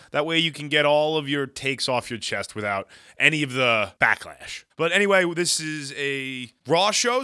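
A man's voice: fairly high pitch, sharp tone, clear, resonant tone, no room sound, studio quality. A man co-hosting a wrestling podcast, leading the recap with strong opinions in casual chat. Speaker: podcast co-host.

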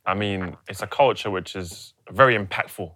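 A young man hosting a podcast, asking relaxed questions with playful asides. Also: fairly low pitch, moderate pace, no room sound. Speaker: podcast host. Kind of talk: casual chat.

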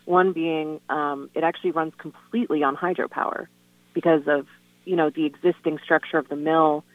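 A woman's voice: low voice, fairly even intonation, no room sound. Earnest woman on a tinny phone line. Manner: earnest, halting, many "um" and "you know". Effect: heard over the phone. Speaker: guest on a call-in radio show, tenant organizer. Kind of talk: casual radio phone interview. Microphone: telephone.

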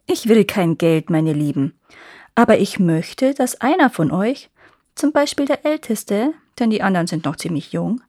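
A woman's voice: mid-range voice, sing-song, normal speed, a little mellow, no room sound, clean studio sound. A woman voicing a hideous, scheming old witch who wheedles and threatens. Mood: coaxing.

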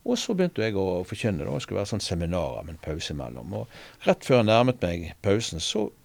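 A man with a somewhat low voice recounts a religious experience in an easy, conversational way. He talks earnestly and hesitantly, with frequent fillers and restarts. The recording is dry and close, with no room sound. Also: huge pitch swings, creaky, no echo. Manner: earnest, preacher-like retelling. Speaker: interview guest sharing a testimony. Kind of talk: casual conversational storytelling.

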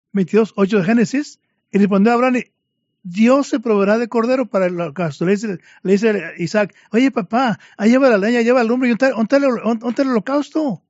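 A man's voice: very high-pitched, a little mellow, no echo. A man preaching a fervent sermon to his congregation, addressing them again and again as brothers, in a dull lo-fi recording.

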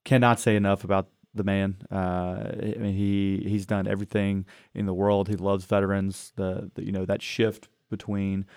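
A man's voice: lowish voice, normal speed, hardly any pauses. A man hosting a casual chat, telling stories animatedly and acting out what people said. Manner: animated storyteller acting out quotes.

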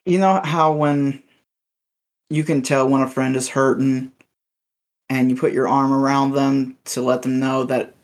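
Man playing a character at the table. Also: mid-range voice. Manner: explains his character's actions in third person. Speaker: player.

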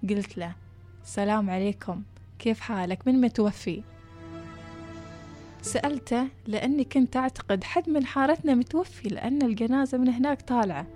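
A woman narrating a story, acting out the people in it with lively shifts of voice. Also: a little high, brisk, pauses often, faint music behind. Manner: animated, acts out villagers' voices.

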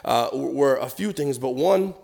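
A man delivers a conversational church sermon. His mid-pitched voice is nasal and gravelly, with a crackle to it. He speaks informally but emphatically, repeating key words and moving between casual explanation and scripture reading. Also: expressive, moderate pace, a little mellow. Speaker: preacher.

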